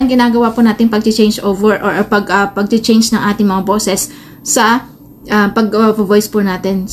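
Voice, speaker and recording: In an amateur recording with a touch of noise, a tutorial-hosting vlogger from the Philippines takes listeners through a phone how-to. She has a fairly high voice and explains each step casually, sometimes hesitating.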